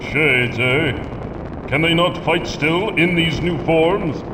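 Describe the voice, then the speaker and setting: Righteous, imperious Aztec holy warrior. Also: male voice, fairly high pitch, slow, far from the mic, noisy background. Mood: solemn. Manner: righteous, imperious declarations, archaic formal speech. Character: proud, commanding Aztec holy warrior god Olmec. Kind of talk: video game voice acting.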